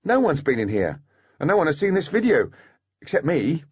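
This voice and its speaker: A man's voice: on the high side, very animated, normal speed, slightly rough, lo-fi sound, voice pushed up, full character voice. A man doing a snarky young lab tech. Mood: sarcastic. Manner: snarky, scoffing. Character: sarcastic young male lab technician.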